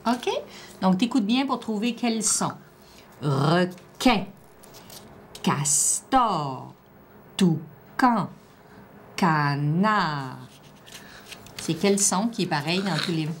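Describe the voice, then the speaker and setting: A woman teacher with a Québécois French accent, slowly and patiently prompting a child through a one-on-one reading assessment. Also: mid-range voice, animated. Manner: slow, patient, drawn-out word-by-word prompting. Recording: faint background noise.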